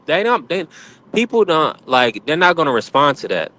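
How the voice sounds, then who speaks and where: A man's voice: fairly high pitch, sing-song, normal speed, pushed and bright, rough recording. A man co-hosting a livestream, talking bluntly and emphatically over an online call whose audio is choppy and breaking up. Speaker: livestream co-host. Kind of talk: casual opinionated chat.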